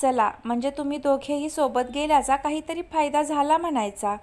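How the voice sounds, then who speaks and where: Fussy older mother-in-law, coaxing, insists a lot, woman reading it, high voice. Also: normal speed, darkish tone, natural voice.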